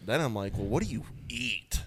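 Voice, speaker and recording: A man's voice: lowish voice, animated, normal speed, fairly bright tone, slight background noise. A young man co-hosting a podcast, telling a story in a laid-back, casual way and swearing now and then. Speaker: podcast co-host. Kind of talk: casual chat.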